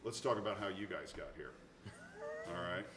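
Low-voiced chatty male podcast host. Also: moderate pace. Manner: chatty, piles up repeated yeahs. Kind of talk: casual interview. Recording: echoey room, clear background noise.

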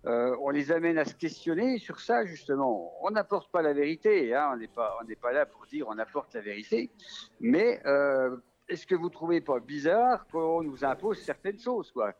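A man's voice: fairly high pitch, moderate pace. Lo-fi recorded man with a Vosges accent. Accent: Vosges French. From Vosges, France. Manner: relaxed, hesitant with many fillers and restarts. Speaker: rural family doctor. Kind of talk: casual interview on the street.

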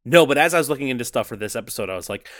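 A man with a mid-pitched voice and very animated intonation, captured close and dry. He chats casually as a podcast co-host, dropping playful, wry one-liners. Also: rapid-fire, no echo. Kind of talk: casual, jokey movie podcast banter.

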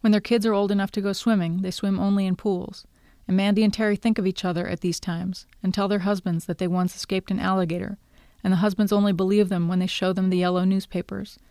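Woman author, wry brisk story read, smooth crisp tone. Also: medium pitch, flat delivery, warm tone, no echo, clean studio sound. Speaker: author reading her story. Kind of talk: live story reading.

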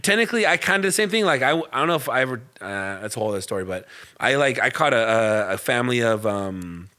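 A man's voice: mid-range voice, expressive, quick pace, sharp tone. A young man co-hosting a casual podcast, telling a rambling story, swearing and searching for words. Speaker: podcast co-host. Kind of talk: casual chat.

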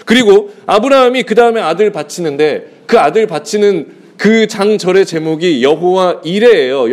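A male pastor preaching a sermon in a conversational way, asking the congregation rhetorical questions and acting out bits of dialogue. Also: darkish tone. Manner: acts out dialogue with shifting pitch.

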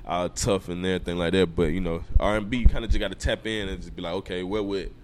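A man's voice: low voice, fairly even intonation, fast talker, slight background noise. A man, a producer and songwriter, chatting loosely in an interview, full of slang and "you know what I'm saying.". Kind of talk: casual interview chat.

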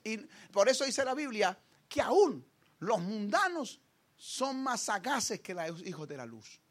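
Male preacher, very high voice, bright and forceful tone, impassioned sermon, repeats lines for emphasis. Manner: impassioned, swings from quiet to shouting.

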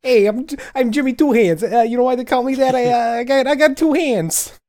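A man doing a dim, squeaky mafia rookie. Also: a little hiss or hum. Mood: boastful. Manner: high, loud, rushed bragging. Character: dim small-time male mafia rookie.

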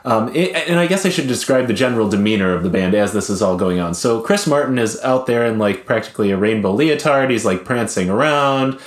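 A man's voice: fairly low pitch, expressive, a little fast, hardly any pauses, echoey room. A man casually telling a long, wry story in a rambling, hesitant way. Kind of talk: casual chat.

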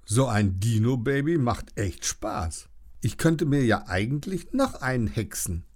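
A man voicing a curious, bold young girl in a children's storybook, with a bright, lively girlish tone. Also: medium pitch, measured pace. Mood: cheerful. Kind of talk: storybook character voice.

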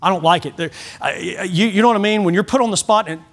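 A pastor with a notably high voice delivers a Sunday sermon in a church. He speaks earnestly and directly, and he often trips over a word and restarts it before pressing on. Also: fast, fairly bright tone. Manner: earnest preaching with repeated restarts.

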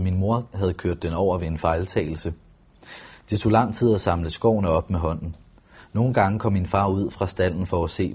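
A man reading a first-person novel aloud in a calm, measured, steady way. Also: low-pitched, breathy edge. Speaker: audiobook narrator.

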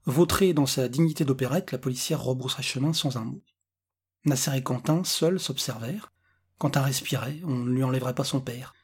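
A man narrating a short dark story in a measured, dramatic way. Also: medium pitch. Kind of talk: storybook reading.

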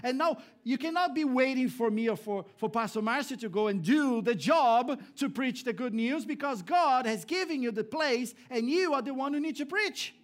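A man from Brazil, a pastor preaching a sermon to a congregation, swinging between emphatic raised lines and low hushed ones. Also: animated, moderate pace, few pauses. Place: church hall before a congregation.

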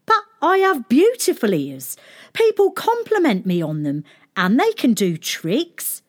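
A woman's voice: on the high side, wildly swooping pitch, unhurried, pitched above the performer's own voice, exaggerated voice. A woman voicing a proud young shepherd boy who is vain about his looks, speaking in an indignant, boastful way.

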